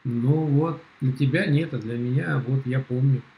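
A man's voice: medium pitch, normal speed, lo-fi sound. A middle-aged man on a video call at home, arguing in a blunt, mocking, dismissive way. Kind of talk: heated casual argument.

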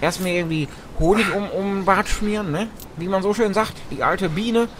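A man commentating a video game for his channel, rambling and joking in a mock-dramatic way with sudden loud outbursts. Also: high voice, normal speed. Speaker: let's play host. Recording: noisy game audio behind voice.

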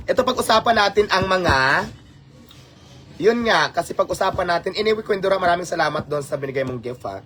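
Soft background music plays as a livestream host from the Philippines chats casually with his viewers in a Filipino accent, exasperated and rhetorical, slipping English phrases in. His high voice is brisk, a bit bright, and lively in intonation.

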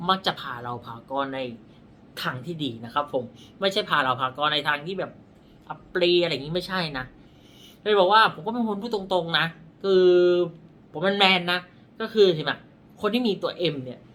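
In a pushed, bright voice on the high side, a male palm reader rambles bluntly through a casual explanation, correcting himself and pointing at his own hand, throat dry. A little hiss or hum sits underneath.

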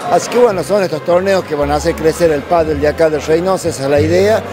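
A padel coach in his fifties from La Rioja in northern Argentina gives casual interview answers by the courts at a padel club, speaking fast in a fairly high voice with an Argentine accent. A handheld interviewer microphone picks him up over a noisy crowd.

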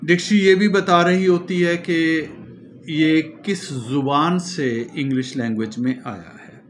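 Male teacher, slightly high voice, very slow and deliberate delivery, faint noise behind. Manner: slow, explanatory, spells words out letter by letter. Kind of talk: classroom lecture.

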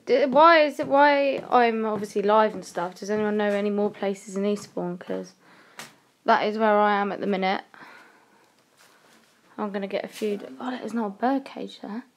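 This young woman, an urban exploration vlogger, whispers nervously and chats casually as she livestreams from inside an abandoned house, phone at arm's length. Her medium-pitched voice is steady at a normal speed, with a little hiss or hum in the audio.

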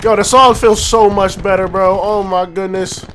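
A young man giving excitable, trash-talking commentary over his own gameplay, often laughing. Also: high voice, moderate pace, faint music behind. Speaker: gaming YouTuber. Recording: faint game gunfire behind. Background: gunfire.

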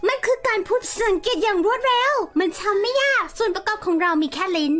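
A woman's voice: extremely high pitch, expressive, fast talker, a bit bright. A woman streamer playing an English teacher, theatrical and exaggerated in a playful chat.

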